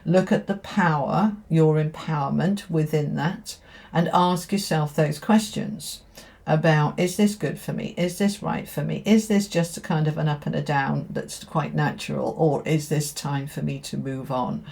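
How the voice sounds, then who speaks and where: Woman, low pitch, tarot reader, direct address, emphatic and affirming, repeated phrases. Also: steady tone, unhurried, gravelly, a little mellow. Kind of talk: spoken tarot reading to viewers.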